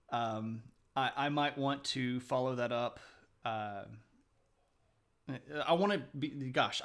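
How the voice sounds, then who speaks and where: Slow-talking, bright-voiced male streamer. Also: medium pitch. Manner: chatty, answers chat aloud, laughs often. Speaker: livestream host. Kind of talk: casual live-stream chat with viewers.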